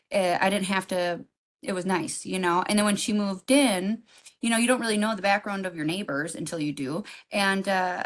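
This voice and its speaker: A woman's voice: mid-range voice, a bit bright. Chatty woman telling a heartfelt story. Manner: rambling, many fillers and restarts, gets emotional. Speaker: podcast co-host.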